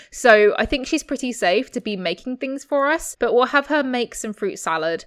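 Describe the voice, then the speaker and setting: A woman giving chatty, excitable Let's Play commentary and talking to her game characters. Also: a little high. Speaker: gaming YouTuber.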